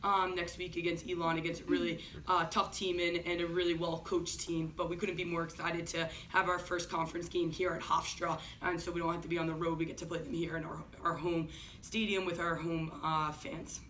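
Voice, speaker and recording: A woman head coach answering questions at a postgame press conference, talking quickly with frequent ums. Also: on the low side. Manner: quick, steady, many ums. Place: office-like room, indoors. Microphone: far camera. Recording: distant room mic with faint hiss.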